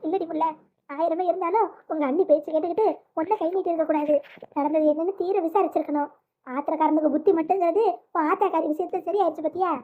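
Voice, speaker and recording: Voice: very high-pitched, steady tone, fast talker. A performer voicing a loving middle-aged mother who coaxes and apologizes affectionately. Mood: remorseful. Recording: tinny phone-like sound.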